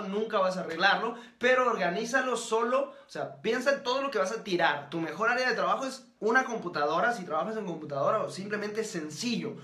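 A man with a high, bright, forceful voice gives a live motivational talk, emphatic and preachy. He speaks directly to his audience and answers viewer comments as he goes. The sound is roomy and echoey.

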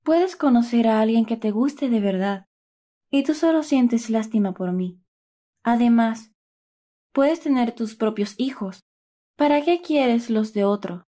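A woman's voice: fairly high pitch, expressive, unhurried, dark tone. A woman voicing a worried young mother of newborn triplets, speaking earnestly and anxiously in a storybook tale. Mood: doubtful.

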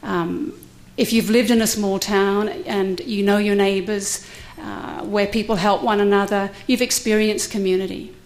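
Speaking a little slowly and with hardly any pauses, a middle-aged woman uses a steady, mid-range voice with a darkish tone. She is a cohousing resident on a university conference panel, delivering a prepared talk candidly and with a touch of humor from a lecture-room podium microphone.

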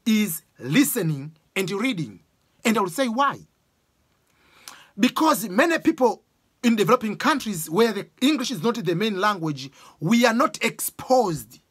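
A man in his forties from Tanzania with a Tanzanian accent, giving animated casual exam advice to a close camera in a small room. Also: high voice, slightly rough. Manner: animated, gestures a lot, uses sports examples. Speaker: education vlogger. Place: small room with bookshelves, indoors. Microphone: camera close up, webcam framing.

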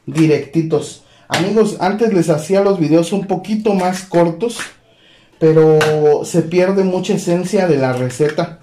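A man hosting a home cooking demonstration, talking in a relaxed way with lots of fillers as he addresses viewers as friends. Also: a little high, measured pace. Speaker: cooking channel host. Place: home kitchen. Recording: echoey kitchen with faint noise.

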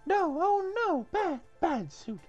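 A woman's voice: extremely high pitch, big pitch swings, takes it slowly, a little mellow, dull audio, soft background music, full character voice. Woman playing a gushing, flirtatious castle maiden, Zoot. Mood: scolding. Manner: theatrical, gushing, insistent. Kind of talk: comic script read-through.

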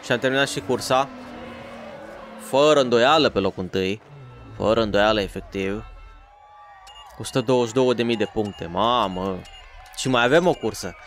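A man playing a racing game for his channel, chatting in slangy, excitable bursts to himself and his viewers. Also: on the low side, long pauses, faint music behind. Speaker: gaming YouTuber. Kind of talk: let's play commentary.

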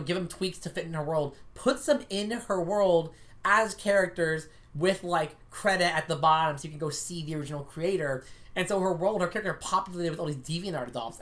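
Low-voiced Southern American woman. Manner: rambling, enthusiastic, self-deprecating. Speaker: comic creator co-hosting a stream. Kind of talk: casual chat.

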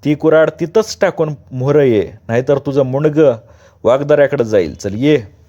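A man voicing a fierce, commanding male outlaw chief who barks gruff threats, on a dull recording. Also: medium pitch, moderate pace, mellow, lightly acted. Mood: stern.

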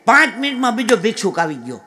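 A man telling comic folk stories on stage, lively and chatty, with asides to the audience. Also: extremely high pitch, fast, slight background noise. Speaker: folk comedian. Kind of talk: live dayro comic storytelling. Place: live stage event with an audience.

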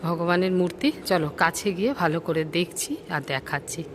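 A woman casually narrating a vlog, pointing things out to viewers, her voice booming with a cathedral-like echo inside a large temple hall. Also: fairly even intonation, a little fast, noisy background. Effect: booming cathedral-like echo in a huge hall. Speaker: travel vlogger.

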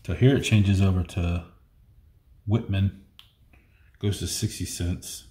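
A middle-aged man with a low, warm voice and fairly even intonation speaks slowly as he sorts old comics at a table, reading off issue numbers and muttering remarks. He hosts a comic collection unboxing, filmed indoors by a fixed camera across the table in an echoey room with faint noise.

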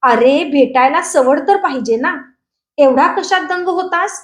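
A woman's voice: high voice, lively intonation, unhurried, a bit bright, echoey room. A woman voicing a jovial, bragging, stout middle-aged male revenue officer in a read-aloud story.

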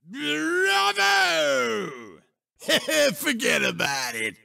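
Big Norm, a very high, gravelly cartoon brute. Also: male voice, huge pitch swings, extremely slow, sharp tone, distant mic, full character voice. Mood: cocky taunting. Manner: boisterous, taunting. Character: big, loud, cocky, obnoxious cartoon mime brute. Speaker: video game racer character. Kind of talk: exaggerated cartoon game voice clips.

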